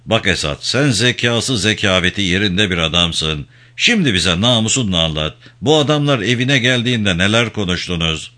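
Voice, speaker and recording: A man's voice: fairly low pitch, expressive, normal speed, few pauses, pushed and bright. A man voicing a cunning male intelligence interrogator who coaxes and threatens in a raised, persuasive voice in a story reading. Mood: coaxing, menacing. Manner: smooth persuasive pressure, raised voice.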